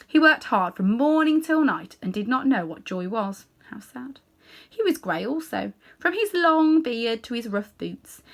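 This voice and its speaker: A storybook reader with a medium-pitched voice reads a children's story aloud in an animated way. She uses dramatic pauses and slips in hushed little asides.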